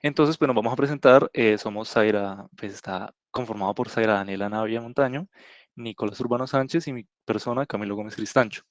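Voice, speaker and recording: A young man opening a group presentation in an online class, filling pauses with "eh" and "pues". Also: fairly low pitch, dry recording. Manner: hesitant, fills with "eh" and "pues". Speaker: student presenter. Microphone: video call.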